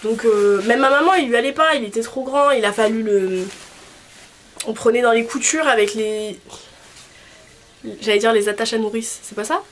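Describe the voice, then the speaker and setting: Young woman, highish pitch, honking nasal tone, stuffed-up with a cold, casual rambling vlog chat, noisy recording. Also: moderate pace, pauses often. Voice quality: nasal, honking voice from a blocked nose. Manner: rambling, informal. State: congested with a cold. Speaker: cosplay vlogger. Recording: clearly noisy background.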